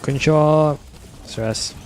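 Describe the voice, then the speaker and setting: A man, a game streamer reading chat aloud and answering in a halting way with frequent restarts. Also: fairly high pitch, darkish tone, a little hiss or hum. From Russia.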